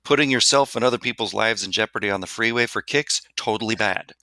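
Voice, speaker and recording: Gravelly, bright-toned middle-aged man. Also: on the low side, quick pace, dry recording. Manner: lively, animated storyteller with vivid analogies. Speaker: podcast guest. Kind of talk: casual interview chat. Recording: dry close-mic recording.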